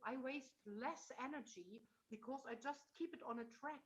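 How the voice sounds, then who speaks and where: This high-pitched female voice moves at a moderate pace, and its highs are cut off. The speaker is a middle-aged voice teacher coaching a singer in a masterclass by video call, at times singing phrases to show how they go and warmly explaining with terms like "darling."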